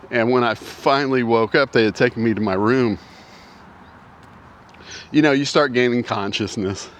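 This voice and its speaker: A man in his sixties telling a personal story in a casual, rambling way, out of breath and often repeating himself. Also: fairly low pitch. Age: 60s. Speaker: vlogger. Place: outdoors with mountains in view.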